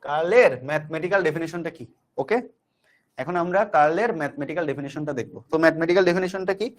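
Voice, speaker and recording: A man's voice: a little high, racing, a little hiss or hum. A man teaching an online physics class, repeating each definition and checking whether students follow. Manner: talks to students directly and warmly checks understanding.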